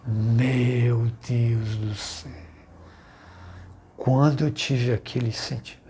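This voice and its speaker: A man giving a heartfelt devotional reflection as host, dropping to soft hushed words now and then. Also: mid-range voice, steady tone, takes it slowly, slight background noise.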